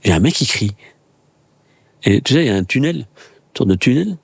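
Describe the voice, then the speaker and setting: A man around fifty, a former footballer, guest on an interview show, telling anecdotes in a lively way and acting out what people said. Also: mid-range voice, fairly quick, vocal fry, husky, dry recording. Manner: lively storyteller acting out dialogue, many restarts.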